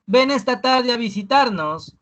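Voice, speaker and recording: Animated and medium in pitch, with a fairly bright tone, the teacher of a live online review class repeats essential words slowly and ends just about every phrase with an inquiring "¿no?".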